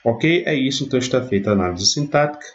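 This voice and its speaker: A man's voice: mid-range voice, expressive, fast talker, muffled recording. A man explaining Latin grammar in a patient lesson, adding frequent fillers as he goes. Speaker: Latin teacher.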